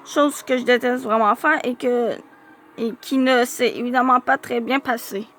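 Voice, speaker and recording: A woman reading a diary-style youth novel aloud, with lively, expressive storytelling and small slips. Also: fairly high pitch, normal speed.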